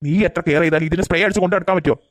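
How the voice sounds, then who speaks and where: A grumpy old cartoon grandfather who can't stand dogs, snapping and scolding in a low, rapid-fire voice, as a woman acts him out. The recording is dry and close. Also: steady tone, no echo, natural voice. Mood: angry. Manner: scolding, quick-tempered. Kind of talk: cartoon voice acting.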